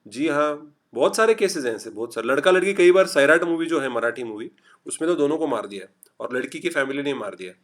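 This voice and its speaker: Somewhat high and animated, a Maharashtrian man with a light Marathi accent chats his way through a live online lecture. He voices his students' typed responses, hurries them along for answers, and blends in English.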